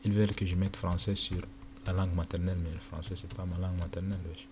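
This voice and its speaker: A young Chadian tutor and native Arabic speaker narrates a screen-recorded walkthrough from his computer in an indoor room. He sounds deep and flat, casual and halting, leaning on many fillers, and the home recording is noisy.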